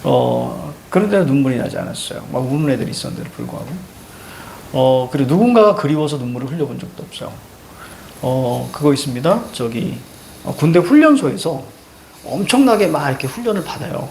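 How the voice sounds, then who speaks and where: Animated male teacher lecturing a class. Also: mid-range voice, a little fast, vocal fry, slight background noise. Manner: animated storytelling, jokey asides.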